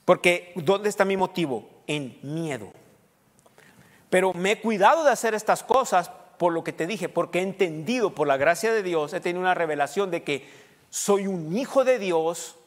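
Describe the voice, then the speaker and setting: A middle-aged male pastor preaching a sermon in a church hall, his voice high and its echo trailing long after each phrase. He speaks emphatically, pushing up in pitch and volume as he counts off his points. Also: expressive, moderate pace. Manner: emphatic, rising to loud peaks when listing points.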